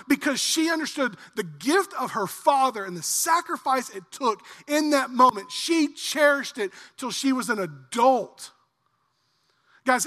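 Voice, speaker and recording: A male pastor preaching a sermon, animated, swinging from loud emphasis to quiet low asides. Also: big-room sound.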